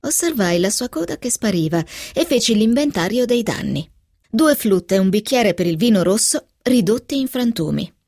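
A woman's voice: mid-range voice, very animated, normal speed, a little mellow, no echo, studio quality. A woman reading a novel aloud on radio, voicing the dialogue expressively. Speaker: reader.

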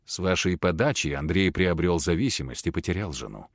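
Man reading a calm, cold professor. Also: sits low, no room sound, studio quality. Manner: calm, measured, detached. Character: calm, cold middle-aged male professor.

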